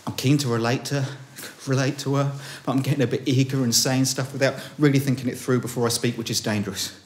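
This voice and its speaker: A young man performing a comic, self-mocking spoken-word story at a small live gig, dropping to low mutters and rising to panicky highs. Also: moderate pace, a little hiss or hum. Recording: roomy live room.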